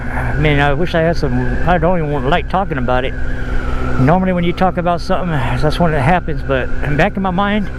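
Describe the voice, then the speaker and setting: A man's voice: on the high side, fast, noisy background. Folksy man rambling outdoors. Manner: rambling, folksy, with fillers and self-corrections. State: out of breath. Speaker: scooter vlogger. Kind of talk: casual vlog talk. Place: outdoors at a park by his scooter.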